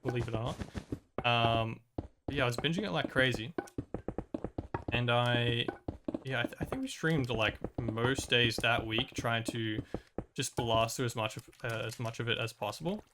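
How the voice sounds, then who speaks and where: A young man chats casually while streaming a video game, rambling with many fillers and restarts. His medium-pitched voice, at normal speed, is a bit worn because he's recovering from a cold that took his voice, and there's background noise.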